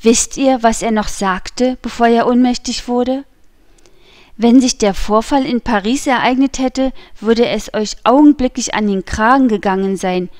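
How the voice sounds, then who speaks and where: A woman's voice: a little high, a little slow, a little mellow, no echo, lightly acted. A woman reading the part of a servile, gossipy male innkeeper who chatters eagerly to a nobleman, in a dry audiobook recording.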